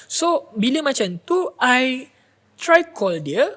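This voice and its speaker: On a podcast panel, a woman tells a personal story in casual conversation, speaking slowly in a high-pitched voice. She's an animated storyteller who acts out the voices of the people involved and slips into English now and then.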